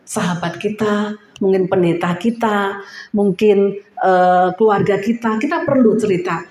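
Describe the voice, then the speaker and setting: A woman preacher giving a sermon to a women's fellowship, animated, acting out prayers and drawing replies from the congregation. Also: medium pitch, unhurried. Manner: animated, acts out prayers and crying voices; call-and-response with the congregation. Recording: echoey room.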